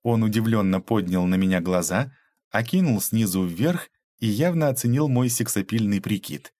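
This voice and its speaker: Low-voiced guy reading an audiobook, steady and even, dry close sound. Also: moderate pace, no echo. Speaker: audiobook reader. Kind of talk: scripted narration.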